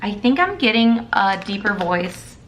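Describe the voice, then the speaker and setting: A raspy-voiced woman in her thirties, chatting casually as she walks through a makeup tutorial. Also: mid-range voice, sing-song, unhurried, a bit bright, slight background noise. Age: 30s. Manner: rambling, chatty, narrating as she works. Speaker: makeup vlogger.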